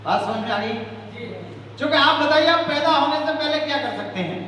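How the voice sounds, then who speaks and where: High-pitched man speaking from a stage. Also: brisk, sharp tone, a little hiss or hum. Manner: rhetorical, keeps asking the crowd questions. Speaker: public speaker. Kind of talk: speech at a public event. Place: stage at an outdoor or hall gathering. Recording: echoey hall sound from far off.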